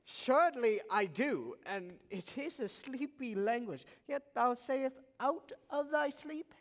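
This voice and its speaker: A woman plays a sardonic, lazy nobleman in a Shakespeare stage play. The delivery is theatrical and wry, unhurried yet widely swooping in pitch, ringing through a reverberant hall. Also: animated. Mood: wry, teasing. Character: sardonic, indolent nobleman, slowly drawn into a plot.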